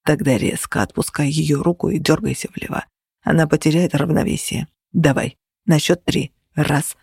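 A man's voice: a little high, a little slow, creaky, husky, no room sound, studio quality, exaggerated voice. A reader voicing a male companion who whispers urgently, pleading and then giving orders, in an audiobook. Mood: commanding. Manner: hushed, pleading then commanding. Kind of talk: audiobook character voice.

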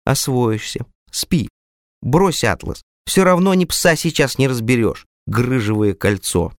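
A man's voice: medium pitch, lively intonation, a little slow, no room sound, clean studio sound. A man reading an audiobook, voicing personified weariness that coaxes and soothes in a sing-song way. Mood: lulling.

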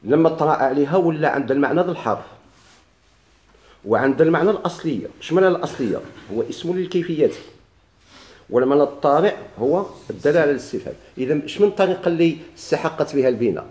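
A man's voice: on the high side, animated, very fast, darkish tone. A man with a Moroccan Arabic accent teaching a grammar lesson to a class, putting questions to the students and answering them himself. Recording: echoey room.

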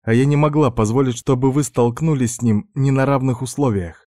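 A man's voice: medium pitch, brisk, warm tone, no echo, clean studio sound, pitched above the performer's own voice, lightly acted. A man voicing a composed, clever young woman doctor who explains things in a level, matter-of-fact way in an audiobook. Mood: explaining.

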